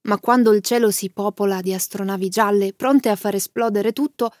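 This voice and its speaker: A woman narrating and summarising a story with clear, lively storytelling and asides to the listener. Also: mid-range voice, normal speed, heavy background noise.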